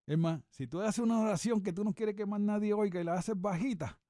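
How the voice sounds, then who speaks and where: Animated preaching man, high dry voice. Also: brisk, no echo. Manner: animated, repeats questions, looks up verses aloud. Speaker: reverend and radio preacher. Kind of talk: conversational radio sermon.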